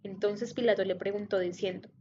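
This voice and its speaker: A woman reading a Bible passage aloud in a steady, measured way. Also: medium pitch, background noise. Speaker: scripture reader. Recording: dull lo-fi recording.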